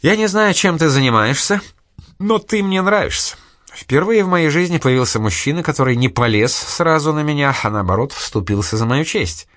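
A man's voice: on the high side, animated, moderate pace, a bit bright, no echo, clean studio sound, voice pushed up. A man reading an audiobook, voicing a bold, vengeful young woman with a harsh, commanding manner. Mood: resolute. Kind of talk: audiobook character voice.

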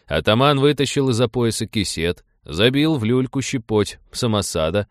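A man's voice: mid-range voice, expressive, moderate pace, no room sound, studio quality. A man narrating an audiobook, reading expressively and voicing every character himself.

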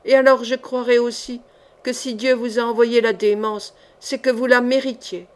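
A woman's voice: fairly high pitch, level tone, normal speed, natural voice. An impassioned young woman pleading, as a woman reader voices her. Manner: fervent, pleading.

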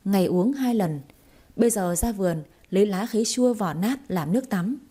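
A woman's voice: mid-range voice, expressive, moderate pace, warm tone, husky. A woman voicing a boastful, cheeky young female fortune-teller in a storybook reading, with brash, chattering speech. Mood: instructive. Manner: brash, chattering, self-mocking.

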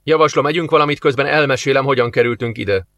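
A man's voice: mid-range voice, a bit bright, muffled recording, natural voice. A man doing a stern commanding officer. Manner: brisk, commanding.

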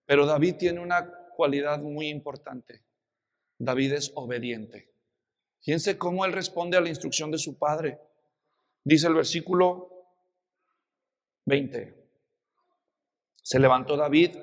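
A man with a Mexican accent preaching a sermon, telling a Bible story in a lively way with many rhetorical questions. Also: fairly high pitch, takes it slowly, long pauses, big-room sound. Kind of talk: expository sermon.

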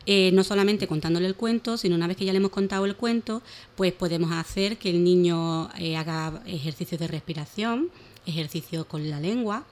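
A woman speech therapist talks on a radio morning show, explaining language exercises for children. She then reads a children's story aloud in an animated storytelling voice. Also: lowish voice, brisk. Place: radio studio.

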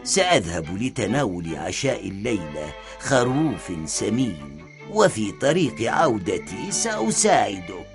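A man voicing a greedy, hot-tempered male wolf in a children's storybook, with a blunt, gruff manner. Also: lowish voice, sing-song, a little slow, music in the background. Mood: calm.

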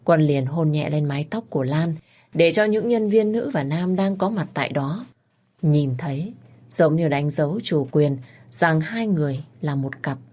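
A woman narrating a romance story as a storyteller, in a steady, even manner. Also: low voice, moderate pace.

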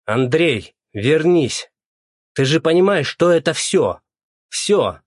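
A man's voice: medium pitch, animated, normal speed, dry recording, studio quality, close to an everyday voice. A man voicing an angry, sarcastic male police colleague in an audiobook. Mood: shouting. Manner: loud, needling, sarcastic.

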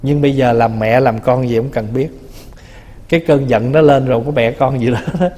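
A man's voice: medium pitch, fairly even intonation, normal speed, mellow. A man, a Buddhist monk, giving a conversational dharma talk, teasing and acting out little quoted remarks. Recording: long reverb of a hall.

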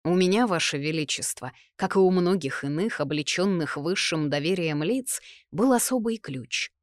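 A woman reading the lines of a formal, ceremonious male high judge. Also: sing-song, normal speed, no room sound, clean studio sound. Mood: pompous.

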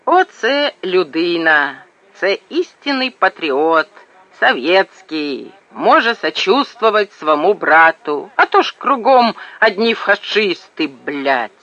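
A man voicing a loud, excitable peasant woman with Ukrainian-Russian village speech, in a shrill, wailing, chattering voice. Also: takes it slowly, full character voice. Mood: gushing. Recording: dull lo-fi audio.

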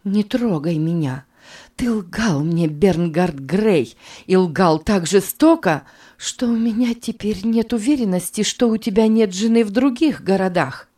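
A woman's voice: mid-range voice, animated, measured pace, warm tone, distant mic, pitched above the performer's own voice. A woman voicing a young wronged woman who sharply accuses her deceitful lover, in a read-aloud story. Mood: indignant. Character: young wronged woman, fierce and cold with a liar.

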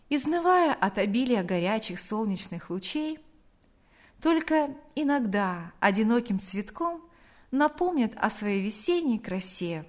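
A woman reading a novel aloud as an audiobook narrator, in measured, deliberate storytelling. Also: a little high. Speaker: audiobook reader. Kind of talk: scripted narration.

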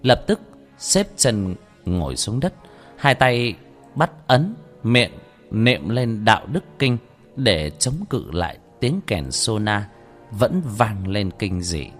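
Lively, low-voiced male storyteller. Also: takes it slowly. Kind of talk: dramatic audiobook narration. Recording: faint background music.

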